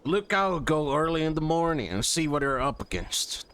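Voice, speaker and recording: A man's voice: fairly high pitch, sing-song, moderate pace, fairly bright tone. A man doing a drawling cowboy outlaw boss. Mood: scheming. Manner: drawling, skeptical cowboy talk.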